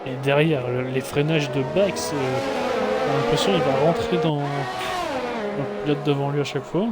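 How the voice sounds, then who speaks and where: A man acting as motorsport co-commentator, analysing a live race in halting, casual speech. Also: fairly high pitch. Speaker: esports sim racing co-commentator. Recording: loud engine noise throughout. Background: loud racing car noise.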